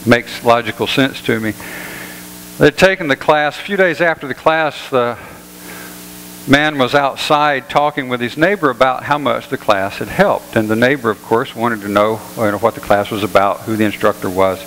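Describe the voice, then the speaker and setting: A man's voice: mid-range voice, normal speed, fairly bright tone, big-room sound, a little hiss or hum, low-quality recording. Folksy man preaching a sermon. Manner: folksy storytelling, easygoing humor. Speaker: pastor. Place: church sanctuary.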